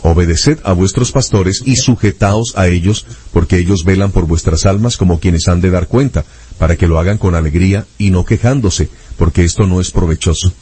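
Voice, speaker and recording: A man with a low, husky voice conducts a conversation about scripture. He reads passages aloud in a steady, methodical way while checking his sources. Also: normal speed. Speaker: interviewer.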